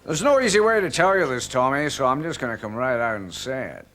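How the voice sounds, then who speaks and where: A man's voice: medium pitch, lively intonation, brisk, a bit bright, slight background noise, natural voice. A Scottish man playing a male club chairman who hesitantly rehearses how to break bad news. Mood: awkward. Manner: hesitant, rehearsing his lines. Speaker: club chairman sacking a manager. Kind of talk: sketch comedy acting.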